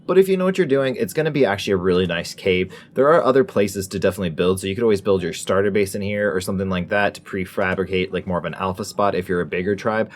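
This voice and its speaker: A man's voice: sits low, fast, few pauses. A man hosting a gaming channel, giving a casual, informal top ten countdown style commentary on ranked entries. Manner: informal, folksy phrasing.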